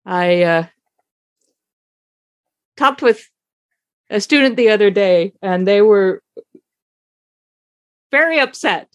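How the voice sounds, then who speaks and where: A woman giving a dharma talk as a Zen teacher, unhurried and reflective, with frequent soft laughter. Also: mid-range voice, lively intonation, dry recording.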